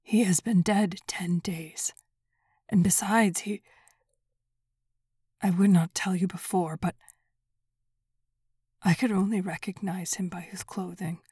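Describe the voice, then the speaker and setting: A woman voicing a frightened old husband in a whispered role-play, halting and trembling. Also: mid-range voice, mellow, no room sound, studio quality, heavily acted. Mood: shaken. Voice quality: breathy whisper.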